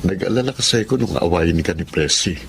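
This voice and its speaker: A man's voice: deep voice, expressive, quick pace, vocal fry, noisy background. A man playing a devoted young husband. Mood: earnest. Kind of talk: radio drama acting.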